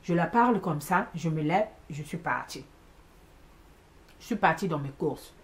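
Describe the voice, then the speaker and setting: A woman telling a personal story in a casual monologue, emphatic and animated, repeating words for stress and dropping in English exclamations. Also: low voice, unhurried. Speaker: vlogger recounting a household conflict.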